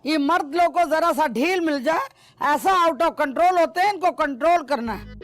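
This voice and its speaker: An actress playing a sharp-tongued, suspicious wife scolding her husband in a TV drama. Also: high voice, moderate pace, soft background music, lightly acted. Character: scolding suspicious wife of a middle-aged man. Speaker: actor. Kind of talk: TV drama acting.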